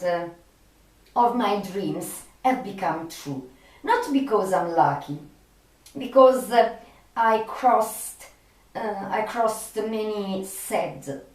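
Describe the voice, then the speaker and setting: A woman who makes videos and loves film speaks in an unscripted personal monologue to her viewers, slow and halting with long searching pauses. Her voice is mid-range, and the echoey room and distant microphone are apparent.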